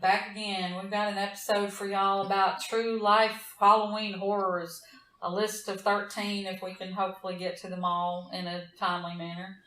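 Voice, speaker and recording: A woman's voice: medium pitch, flat delivery, moderate pace, sharp tone. A woman with a Southern US accent hosting a true-crime podcast, chatting casually and reading out case notes with a blunt, rambling manner. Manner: rambling, laughs easily, blunt. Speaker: podcast host. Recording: roomy, distant from the mic.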